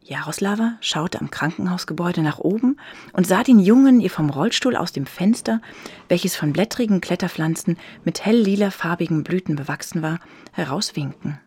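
A woman narrating a children's story in an expressive, soft storytelling manner. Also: on the low side, normal speed, breathy edge.

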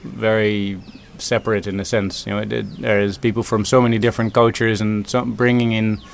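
A man's voice: lowish voice, little pitch movement, brisk, creaky. A man from the Netherlands, a food system consultant answering interview questions thoughtfully, with many ums and restarts.

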